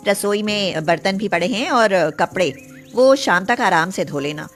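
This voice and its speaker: A woman's voice: mid-range voice, expressive, measured pace, faint music behind, close to an everyday voice. Casting: woman playing a scornful, commanding rich elder sister, storybook. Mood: bossy. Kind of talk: storybook voice acting.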